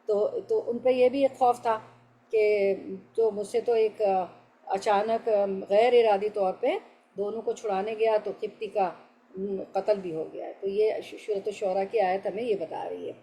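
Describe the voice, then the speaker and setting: Mellow-voiced woman teaching scripture. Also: mid-range voice, steady tone, a little hiss or hum. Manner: patient, explains step by step and asks the class questions. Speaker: Quran teacher. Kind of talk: religious lesson explaining verses.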